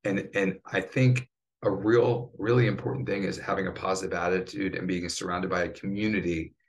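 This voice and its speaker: Deep-voiced middle-aged guy telling his cancer story, earnest, voice catching now and then. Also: fairly even intonation, brisk. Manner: earnest, choked up at times. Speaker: cancer survivor and patient advocate. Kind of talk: emotional podcast interview.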